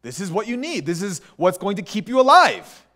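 Animated, high-voiced male preacher. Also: normal speed. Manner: animated, conversational preaching with restarts and acted asides. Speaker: pastor. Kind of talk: sermon.

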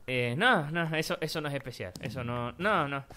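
A man hosting a gaming channel, giving casual, excitable commentary while he plays. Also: medium pitch, normal speed, a little hiss or hum. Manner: excitable, shouts during fights.

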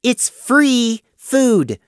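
A man's voice: high-pitched, fairly quick, no room sound, clean studio sound, pitched above the performer's own voice. Man doing a blunt young pony colt. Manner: matter-of-fact, flat insistence.

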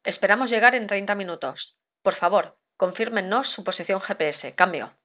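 A woman's voice: mid-range voice, lively intonation, moderate pace, dry recording. A woman instructor reciting formal marine radio calls in set procedure wording. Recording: dull lo-fi recording.

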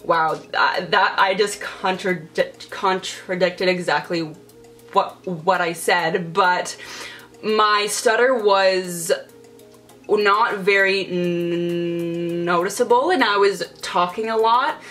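In her bedroom, a young adult woman vlogs a casual get-ready-with-me chat while doing her makeup, stuttering with repeated sounds and blocks. Her lowish voice is fairly bright and unhurried, with soft music in the background.

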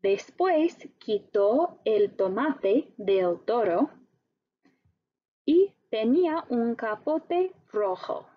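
A woman teacher narrating a story slowly and expressively for language learners. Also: a little high, muffled recording. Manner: very slow, deliberate, expressive storytelling.

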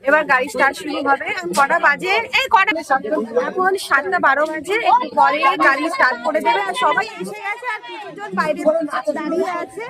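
A woman's voice: high voice, brisk. A middle-aged woman, giving a chatty, casual vlog commentary into a phone held at arm's length, first beside a bus and then on it. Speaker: vlogger. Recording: loud crowd chatter behind.

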